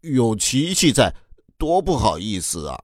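A man's voice: medium pitch, big pitch swings, unhurried, dry recording, clean studio sound. A man voicing a shy young boy who stammers with embarrassment in a children's audio story. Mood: bashful.

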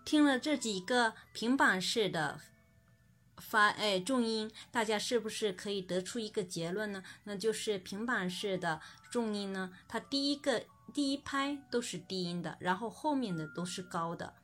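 A woman's voice: medium pitch, fairly bright tone, soft background music. Patient woman teaching a language lesson. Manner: explains patiently, then says example words slowly and clearly.

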